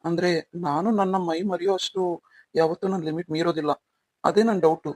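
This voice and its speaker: A man's voice: a little high, fairly quick, no room sound, close to an everyday voice. A man playing a guarded, probing young husband. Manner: calm, probing questions.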